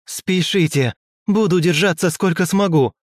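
A man's voice: high voice, unhurried, dry recording, pitched above the performer's own voice. A man doing a brash warrior catwoman. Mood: indignant. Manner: loud, indignant.

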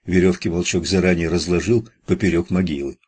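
A man narrating an audiobook in a steady, plain reading. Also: low-pitched, a little fast, husky. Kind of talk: scripted narration.

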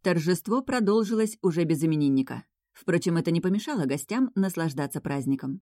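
A woman's voice: on the low side, lively intonation, brisk, mellow, dry recording, studio quality. A woman reading a fantasy novel aloud as audiobook narrator. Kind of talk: scripted narration.

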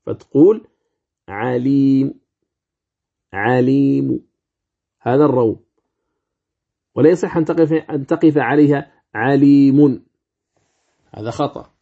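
A man teaching the rules of Quran recitation, asking and answering his own questions and slowly demonstrating words. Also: medium pitch, husky, phone-quality sound. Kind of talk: religious lesson commentary.

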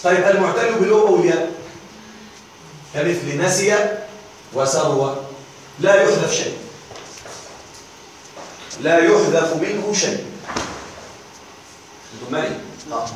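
A man's voice: on the high side, moderate pace, pauses often. A man teaching a grammar lesson to a class, drilling verb forms aloud and often checking that his students follow. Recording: echoey room, distant mic, faint noise.

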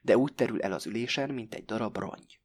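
Husky male audiobook narrator. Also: lowish voice, a little mellow. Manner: measured, first-person storytelling.

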